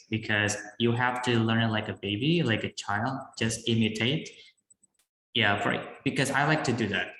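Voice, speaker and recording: This Indonesian man is a guest speaker responding to questions in a live online class Q&A, recorded in a room with echo. His voice is mid-range and a bit bright. He talks haltingly, often using fillers and starting over.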